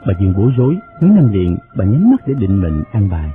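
A male narrator with a lowish voice reads a novel in a steady, measured way. The sound is narrow and phone-like, with soft music running underneath. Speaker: audiobook narrator.

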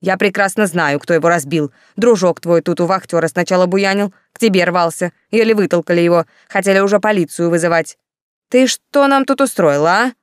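A woman's voice: on the low side, steady tone, a little fast, few pauses, clean tone, no echo, lightly acted. A woman voicing a furious stout middle-aged female dormitory warden who bellows and scolds, in a dry recording. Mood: furious scolding. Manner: bellowing, scolding, repeating accusations.

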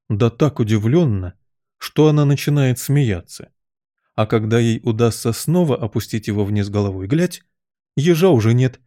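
A man reads a storybook aloud at a steady, even pace. His voice is dark and mellow, recorded dry and close with no room sound. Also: medium pitch, dry recording. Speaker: audiobook narrator. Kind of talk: storybook narration.

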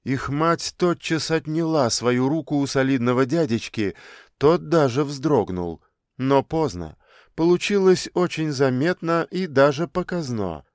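A man calmly narrating an audiobook in a measured way. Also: mid-range voice, no echo, clean studio sound. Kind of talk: scripted narration.

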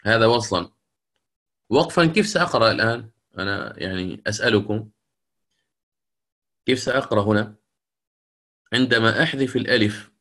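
A middle-aged man teaches the rules of Quran recitation to a class. He explains each point patiently and stops now and then to put questions to his students. When he reaches a verse, he slows down and recites it carefully. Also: on the low side, fairly bright tone.

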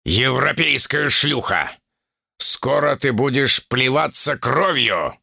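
A man's voice: on the low side, very animated, unhurried, creaky, bright, forceful tone, no room sound, studio quality, exaggerated voice. A man playing a sneering, menacing demon villain. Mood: enraged.

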